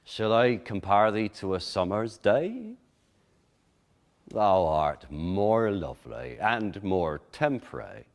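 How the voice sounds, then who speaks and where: A man reciting poetry in Shakespearean English with a reconstructed original pronunciation, in a measured, expressive, declaiming manner. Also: on the low side.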